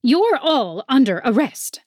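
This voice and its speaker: A woman voicing a stern winged female police officer who barks her words slowly and emphatically. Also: high voice, big pitch swings, a little mellow, no room sound, studio quality, pitched above the performer's own voice, heavily acted. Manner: barking, slow and emphatic.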